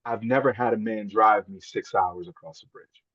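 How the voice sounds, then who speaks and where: A man's voice: fairly low pitch, normal speed, a bit bright, no echo, lo-fi sound. A man, a podcast guest, telling a heartfelt personal story in an earnest, emotional way, repeating words when moved.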